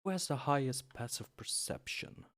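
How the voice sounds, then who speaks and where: A man narrating a tabletop game as game master, pausing often with fillers. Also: medium pitch, a bit bright. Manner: measured, with frequent pauses and fillers.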